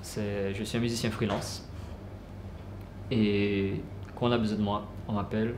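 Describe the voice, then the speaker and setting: A man telling his life story casually, unhurried, with many fillers and restarts. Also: on the low side, flat delivery. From French Guiana. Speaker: musician. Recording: roomy with clear background noise.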